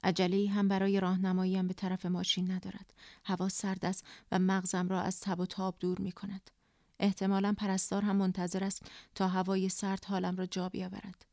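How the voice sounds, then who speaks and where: A woman narrating a literary story in first person, quiet and introspective. Her pitch sits mid-range and barely moves, giving an even, restrained read. The sound is dry and close, with no room around her. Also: no echo. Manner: subdued, quiet, introspective reading. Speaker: audiobook narrator.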